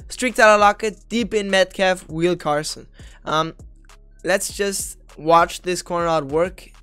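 A man's voice: high voice, a little slow, fairly bright tone, clear, resonant tone, faint music behind. A young man from Austria giving casual, chatty commentary in a video game strategy tutorial, talking through plays analytically and tossing in offhand jokes.

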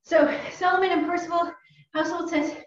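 A woman's voice: very high voice, steady tone, fairly quick. Upbeat woman coaching a home workout. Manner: upbeat, encouraging, calls out cues. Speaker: karate instructor. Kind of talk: coaching a virtual family workout class. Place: home room. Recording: roomy, distant and dull-sounding.

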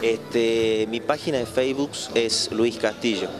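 A young folk singer from Tucumán province, Argentina, is interviewed into a handheld mic in a busy bar, with loud live music behind him. He talks modestly and with some hesitation. His voice is mid-range and a little slow, with fairly even intonation.

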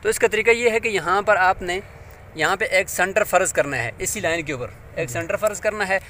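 A man's voice: high voice, brisk, sharp tone, a little hiss or hum. A man teaching a hands-on demonstration, patient and step by step, often asking his listeners to check along.

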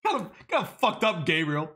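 A man's voice: high-pitched, bright, forceful tone. A man in his thirties reacting on a livestream with casual, slangy, irreverent joking commentary. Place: small room indoors at a streaming desk.

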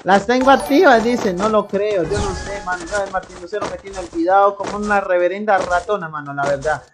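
A young man with a Colombian accent chatting excitedly on a live game stream, greeting viewers by name between bursts of exclamations. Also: high-pitched, a little fast, over music. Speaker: gaming streamer. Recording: loud game gunfire noise behind.

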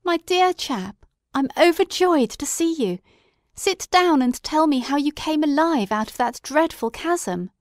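A woman playing an excitable, devoted gentleman storyteller in a dramatic audiobook, with an expressive, earnest and formal delivery. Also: high-pitched, unhurried, no echo, studio quality. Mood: astonished, overjoyed.

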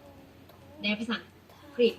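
A woman's voice: slow, crowd noise, low-quality recording. A woman teacher explaining an English lesson patiently, often repeating herself and spelling out letters one by one.

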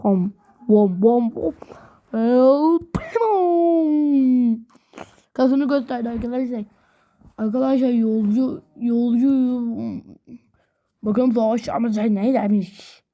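A woman giving excitable, slangy commentary while playing a video game, talking straight to her viewers. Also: fairly high pitch, slow, highs cut off. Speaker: gameplay video host. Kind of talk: casual gameplay commentary.

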